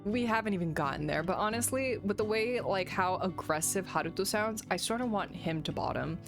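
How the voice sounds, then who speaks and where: A woman's voice: medium pitch, fairly quick. A woman streamer reading a visual novel aloud and joking between passages. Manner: playful, giggly asides. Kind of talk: reading a game aloud and commenting. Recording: background game music.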